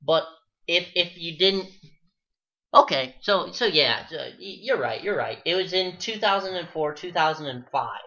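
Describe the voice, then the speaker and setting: A man co-hosting a casual sports podcast, talking fast and heating up into an exasperated rant. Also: a little high. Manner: animated, rising to an exasperated rant. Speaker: podcast co-host. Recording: dull lo-fi podcast audio.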